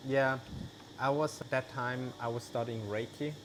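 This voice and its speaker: Speaking at a moderate pace, this man from Switzerland, a vegan cheese maker, chats loosely in English during a casual interview, leaning heavily on "like" and "you know." His pitch is mid-range for a man, and the outdoor setting lets crickets and insect noise come through plainly.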